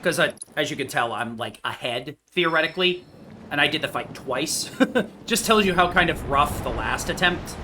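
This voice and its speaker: A man's voice: a little high, lively intonation, normal speed. Male speedrunner talking over background noise. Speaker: speedrunner commentating on his own game run. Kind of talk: casual speedrun commentary. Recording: clearly noisy home gaming recording.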